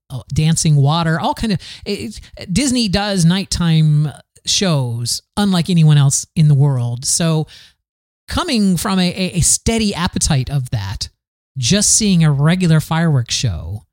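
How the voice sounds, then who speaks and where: A man's voice: a little high, a little mellow, dry recording, studio quality. A man from the American South hosting a podcast, talking in a candid, rambling solo monologue full of restarts. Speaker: podcast host.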